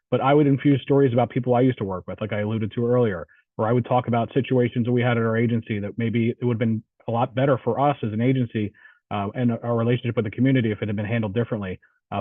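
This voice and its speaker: New jersey guy, cop instructor telling stories, talks fast, tinny dry phone sound. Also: medium pitch, no room sound. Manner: conversational, stories with restarts. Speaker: police instructor. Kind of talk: panel answer, storytelling. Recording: far from mic, tinny phone-like line.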